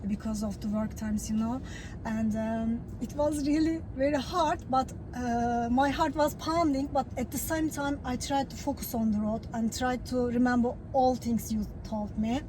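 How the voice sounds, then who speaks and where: A woman with a fairly high voice speaks haltingly and earnestly, often repeating herself, in non-native English. She sounds like a learner giving a casual account, with clear vehicle noise behind her. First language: not English. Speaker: newly qualified learner driver. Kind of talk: casual spoken testimonial.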